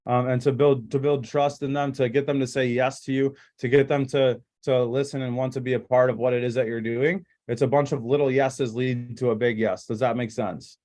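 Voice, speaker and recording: A man's voice: mid-range voice, level tone, brisk, hardly any pauses, mellow. A man leading a casual sales training over a group video call, talking in emphatic, rambling bursts with lots of fillers and restarts.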